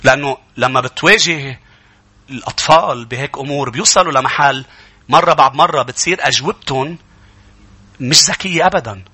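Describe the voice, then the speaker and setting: A man's voice: mid-range voice, brisk, sharp tone, breathy edge. A Lebanese man preaching a sermon as pastor, emphatic, repeating his phrases and addressing the congregation directly.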